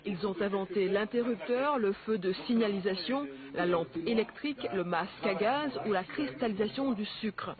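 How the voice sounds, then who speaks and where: A reporter reading a scripted news piece in a steady voice. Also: medium pitch, normal speed. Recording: phone-like audio with crowd behind.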